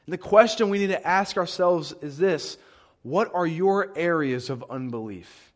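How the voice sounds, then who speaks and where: A young man with a slightly higher voice shares a relaxed devotional teaching. His delivery is earnest and conversational, as though he is talking straight to one listener and encouraging them. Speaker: Bible teacher.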